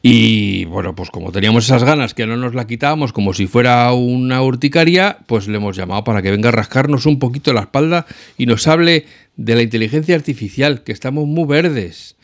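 A man's voice: mid-range voice, brisk, gravelly. A man hosting a podcast, opening the show in a jokey, wordy way. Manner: jokey, wordy, playful introductions. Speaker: podcast host. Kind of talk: casual show intro.

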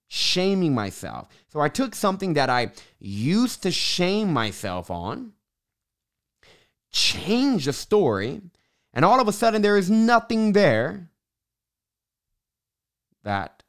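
A man's voice: on the high side, huge pitch swings, takes it slowly, long pauses, no echo. Guy doing a motivational podcast talk, dry close sound, lisp and says w for r, really leans on key phrases. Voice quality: lisp, can't say R's properly, w-like r. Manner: emphatic, repeats key phrases for weight. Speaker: podcast host, self-help coach.

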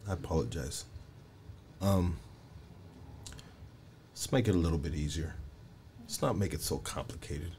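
A man in his forties interviewing casually, halting and leaning on fillers and tag questions. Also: sits low, warm tone, a little hiss or hum. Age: 40s.

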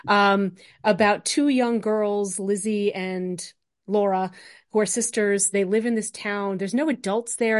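A woman speaks as an academic guest in an interview, in a medium-pitched voice. Her explanation is scholarly but loose and colloquial, with emphatic wording and casual check-ins to the listener. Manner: animated, emphatic, colloquial with frequent "like" and "right?". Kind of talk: informal scholarly explanation in conversation.

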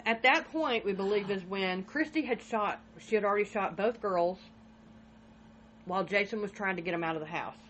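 A woman hosts a true crime podcast and talks through the case in a relaxed, conversational way. She slips into the quotes of the people in the story as she goes. A faint hum of ambient noise sits under her voice. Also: medium pitch, normal speed, rough recording. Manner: retells events with acted-out quotes.

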